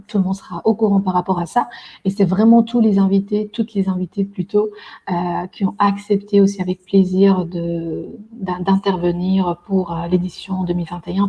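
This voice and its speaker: A woman's voice: on the low side, warm tone, low-quality recording. A woman, a guest on a podcast, talking at length with frequent hesitations and fillers. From Belgium. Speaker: guest, event organizer. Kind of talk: podcast interview.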